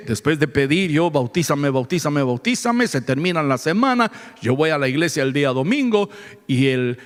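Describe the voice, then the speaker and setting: A man preaching a sermon, retelling a spiritual experience fervently and dramatically, turning to the congregation again and again to address them. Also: fairly high pitch. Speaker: pastor. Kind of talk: sermon testimony. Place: church sanctuary. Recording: long reverb of a church hall.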